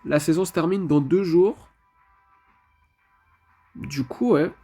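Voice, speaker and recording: A man's voice: on the high side, slow, mellow, soft background music. A man giving casual commentary over his mobile game match, chatty and leaning on filler phrases. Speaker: mobile game channel host.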